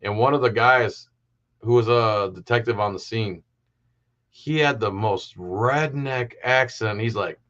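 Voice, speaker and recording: A man's voice: fairly low pitch, a little slow, fairly bright tone, lo-fi sound. A man hosting a live stream, giving heated, sarcastic commentary in a casual way.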